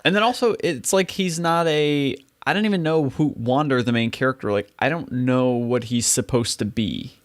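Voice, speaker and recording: A man's voice: medium pitch, moderate pace, few pauses. A man hosting a podcast in a casual, conversational style. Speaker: podcast host. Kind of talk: casual chat.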